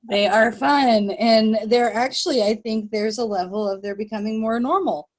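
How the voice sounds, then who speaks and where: A woman co-hosting a podcast, speaking in a thoughtful, affirming way with soft laughs and fillers. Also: a little high, dry recording. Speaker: podcast co-host, healer. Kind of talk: casual spiritual conversation.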